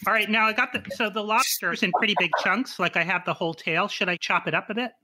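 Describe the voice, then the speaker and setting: A man's voice: high voice, quick pace, sharp tone. A man hosting a show, cooking along and asking a chef questions in casual chat. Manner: curious, playful. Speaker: podcast host.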